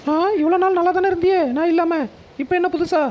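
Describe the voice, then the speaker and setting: Very high, snappy sulking young wife, acted by a woman. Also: fairly even intonation, muffled recording. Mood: sarcastic. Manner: sarcastic, quick retorts. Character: sulky young wife, sharp-tongued, resentful of in-laws.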